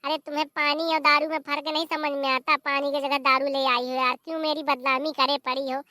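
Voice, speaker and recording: A voice actor playing an exasperated middle-aged village husband in an animated comedy, scolding and complaining loudly. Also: sits high, fairly quick, dry recording, studio quality.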